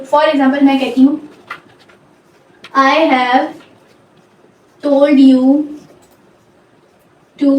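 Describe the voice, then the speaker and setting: A high-pitched woman teaches grammar, stopping often to check she is understood. Her voice comes from well away from the mic, in a very echoey room, with a faint hum behind it. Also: recorded from a distance. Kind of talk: grammar lecture.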